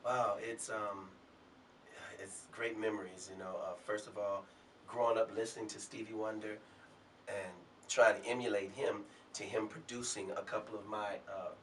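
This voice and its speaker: Bright-voiced man telling stories. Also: lowish voice, moderate pace, far from the mic, a little hiss or hum. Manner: relaxed anecdotal storyteller. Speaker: guest, singer. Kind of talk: storytelling in an interview. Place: talk show studio.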